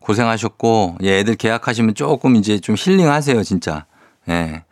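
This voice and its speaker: A male radio DJ on a morning show, reading listener messages and answering them with quick chatty asides. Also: lowish voice, lively intonation, dry recording, clean studio sound. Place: radio studio. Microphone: studio microphone.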